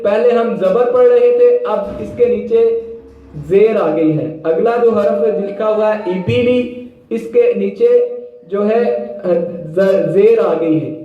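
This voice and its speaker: A man teaching Quran reading, slowly spelling out syllables and chanting them in drawn-out tones between plain explanations. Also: high voice, heavy reverb, phone-quality sound. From Pakistan. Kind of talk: slow spelled-out recitation lesson.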